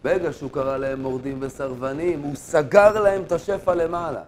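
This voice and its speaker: Animated preaching rabbi, slightly high voice. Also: male voice, slight background noise. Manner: animated storytelling, acting out dialogue, addressing listeners directly. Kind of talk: sermon.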